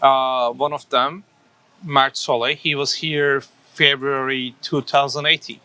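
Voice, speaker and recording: A man's voice: mid-range voice, level tone, slow pace, pushed and bright, smooth, no echo. A man from Turkey in his thirties, a coffee shop owner answering interview questions thoughtfully, with many fillers and restarts.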